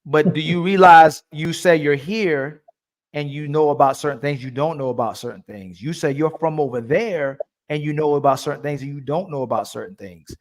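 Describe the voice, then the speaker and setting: A man hosting a livestream call-in debate, pressing his caller with repeated questions. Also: on the high side. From family from Turkey. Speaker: livestream host.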